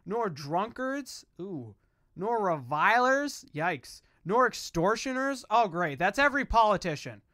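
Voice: mid-range voice, sing-song, measured pace, no room sound, clean studio sound. A preacher giving a fiery, informal evangelistic sermon in an emphatic, exhorting way, with sarcastic asides and rhetorical questions. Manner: self-described yelling preacher voice.

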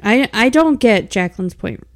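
A woman's voice: mid-range voice, lively intonation, normal speed, no room sound, studio quality. A young woman co-hosting a casual podcast, sarcastic and profane, often laughing. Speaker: podcast co-host. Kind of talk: casual chat.

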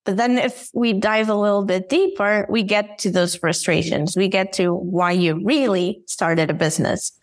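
A woman's voice: mid-range voice, steady tone, moderate pace, hardly any pauses. A woman guest in a casual interview on a video call, talking with enthusiasm and laughing often. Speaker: guest, brand designer. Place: room at home with red cabinet.

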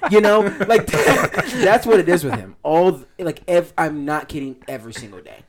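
A man's voice: lively intonation, normal speed. A young man co-hosting a podcast, telling stories in a casual, slangy way and laughing often. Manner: laughing storyteller, slangy, drops into a low mumble. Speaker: podcast co-host. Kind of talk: casual chat.

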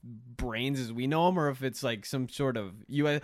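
A young man co-hosting a casual comedy podcast, rambling and animated with lots of fillers. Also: mid-range voice, moderate pace. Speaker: podcast co-host.

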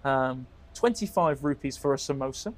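A man's voice: medium pitch, expressive, moderate pace. A man co-hosting a podcast, telling travel stories in an upbeat, rambling way. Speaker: podcast co-host. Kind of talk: casual travel storytelling.

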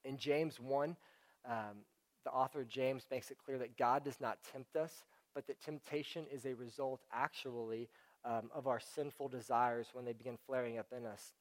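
A man's voice: medium pitch, fairly even intonation, normal speed. A young man giving a casual sermon, talking conversationally with many fillers. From Houston area, United States.

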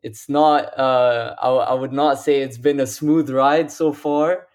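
A Lebanese man calls in as a guest on a casual football podcast. His middle-pitched voice is steady and darkish, and he speaks slowly and hesitantly, with frequent ums and restarted phrases.

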